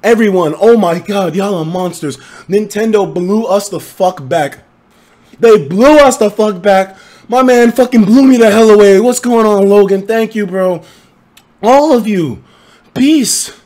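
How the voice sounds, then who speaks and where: A young man streams live with a hoarse, worn-out voice, set high for a man. He shouts and swears as he reacts with wild excitement. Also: a little slow. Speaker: livestream host. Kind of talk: hyped livestream reaction.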